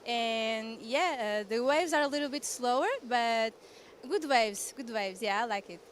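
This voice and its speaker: A woman athlete with a fairly high voice and a Portuguese accent answers in a casual post-heat interview. She uses simple, halting phrases and corrects herself, with faint ambient noise around her.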